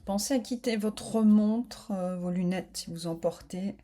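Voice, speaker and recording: Speaking with a mid-range voice, a woman guides a yoga nidra relaxation. Everything she says is slow, gentle and soothing, delivered at an easy, unhurried pace.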